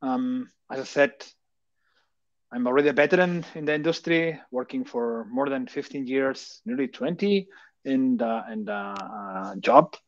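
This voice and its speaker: A conference speaker from Barcelona, a man in his thirties with a Catalan Spanish accent, gives a technical presentation over a call, packed with fillers and rhetorical questions. His voice is medium-pitched and a little slow, and the dull, dry lo-fi call audio has no echo.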